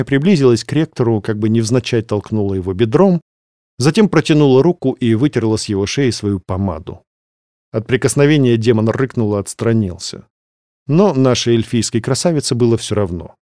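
A man reading a fantasy novel aloud as scripted narration, in a measured, steady way. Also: medium pitch, no room sound, clean studio sound. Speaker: audiobook reader.

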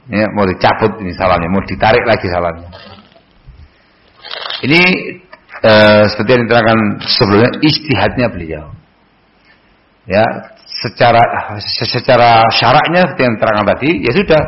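A man teaching a hadith book in a mosque, chatting with his audience and quizzing them, and chanting the Arabic passages louder. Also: on the low side, normal speed, long pauses, dull audio. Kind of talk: mosque study lecture.

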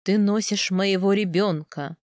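A woman voicing a stern, calm young husband who speaks curtly and flatly in a storybook reading. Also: mid-range voice, unhurried, no room sound, clean studio sound, lightly acted. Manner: flat, curt and unmoved.

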